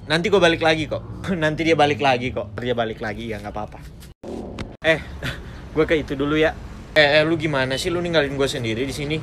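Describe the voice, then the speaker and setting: A man's voice: mid-range voice, fairly bright tone. Young man, voices a whole comedy sketch solo, faint background noise. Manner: switches between casual slang voices for each character. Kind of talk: comic sketches, playing every part himself.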